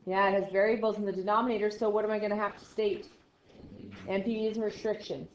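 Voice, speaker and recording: A woman in her forties teaching a math lesson to a class, lively and playful, teasing her students. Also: medium pitch, quick pace. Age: 40s. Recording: echoey room, dull lo-fi sound, faint noise.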